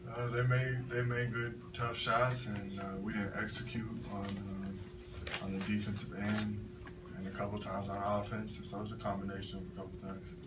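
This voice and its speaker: Over loud music, a young adult college basketball player speaks in a lowish, level voice while answering reporters after a loss. His postgame answers are measured and halting, with many fillers, given at a table mic before a sponsor backdrop, and a floor camera captures the echoey, noisy room from a distance.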